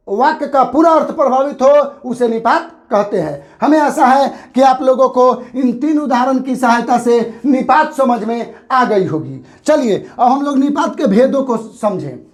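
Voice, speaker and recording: Key terms come up again and again in this exam-prep grammar lesson led by a man whose pitch is extremely high, and he answers every question he asks himself.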